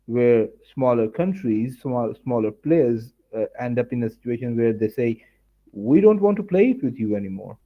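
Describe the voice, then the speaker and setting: A man giving his views in a casual political discussion who speaks in a measured way and hedges his points. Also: mid-range voice, lo-fi sound.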